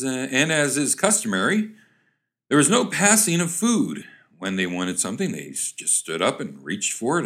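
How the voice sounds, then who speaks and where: A man's voice: medium pitch, pushed and bright. A man describing old cartoon pictures and reading corny jokes aloud, rambling with fillers and hamming up the quoted lines. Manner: rambling, chuckling, hammy voices for quoted characters. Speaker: comedic reader of old joke cartoons. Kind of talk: ad-libbed comic commentary and joke reading.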